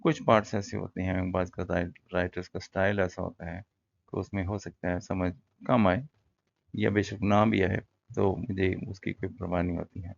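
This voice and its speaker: Male teacher, relaxed explainer, gravelly low voice, muffled lo-fi sound. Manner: relaxed, explains in Urdu with English terms, many fillers. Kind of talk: casual classroom-style lesson.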